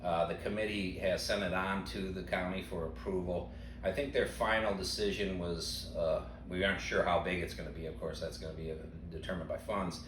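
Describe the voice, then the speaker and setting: Older male teacher, deep voice, bone-dry sarcasm, echoey far-off recording with noise. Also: brisk. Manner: dry deadpan humor. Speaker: retiring teacher. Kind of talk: deadpan sarcastic interview answers. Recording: roomy sound, mic at a distance, background noise.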